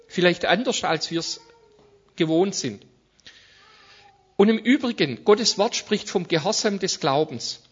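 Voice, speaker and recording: A man's voice: on the high side, a bit bright, husky, muffled recording. A man preaching a conversational sermon as a guest speaker, with frequent tag questions and restarts. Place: church service.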